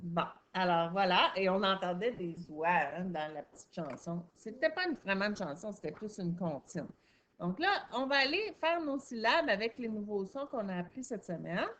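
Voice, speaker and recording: A woman teacher, guiding young children through a phonics lesson with clear questions and praise. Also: mid-range voice, animated, normal speed, a bit bright, a little hiss or hum.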